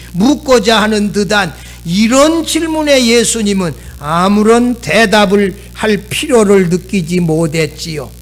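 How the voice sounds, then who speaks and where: A middle-aged man, preaching a sermon as pastor in an animated way, acting out quoted lines. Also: extremely high pitch.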